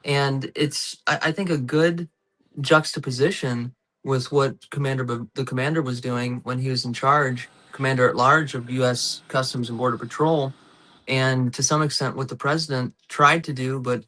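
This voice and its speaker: Guy in his 30s hosting a chat show, bright forceful voice, goes off on history tangents, lots of ums. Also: mid-range voice, fairly even intonation, moderate pace. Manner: eager, nerdy history digressions with many fillers. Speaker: host. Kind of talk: casual political talk show chat.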